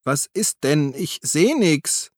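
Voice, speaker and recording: Guy playing a drunk cop, slurring, loud and raised, cursing, audiobook. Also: fairly high pitch, sing-song, slow pace, no echo, studio quality, pitched above the performer's own voice, full character voice. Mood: drunk grumbling. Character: drunk clumsy male detective in a ditch.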